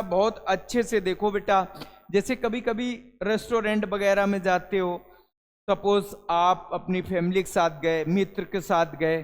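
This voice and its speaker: High-voiced man teaching. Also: clear, resonant tone, long reverb tail. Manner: addresses students as "beta", asks and answers his own questions. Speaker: English teacher. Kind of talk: classroom lesson to students.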